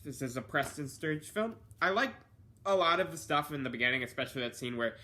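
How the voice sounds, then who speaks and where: A man's voice: a little high, a little fast, sharp tone. A young man casually reviewing films one after another, rambling and offhand, with many fillers and self-corrections. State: has hiccups. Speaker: film reviewer.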